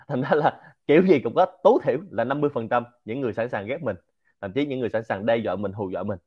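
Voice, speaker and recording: A man from central Vietnam with a Quảng Nam accent, giving an informal business lecture in an animated, rhetorical way and often asking the audience to agree. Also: medium pitch, quick pace, slightly rough, dull audio. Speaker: lecturer and host of a Q&A show.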